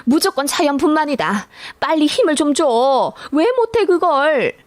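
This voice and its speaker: A woman's voice: sing-song, a little slow, no echo. A woman doing a bossy grandson-obsessed mother-in-law. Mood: shrill demanding. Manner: bossy, nagging, shrill when angry.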